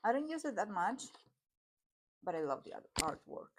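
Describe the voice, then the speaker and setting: A woman's voice: medium pitch, very animated, normal speed, noisy background. A woman whose first language is Spanish, reviewing tarot decks in a casual chat, with fillers and self-corrections. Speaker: tarot vlogger.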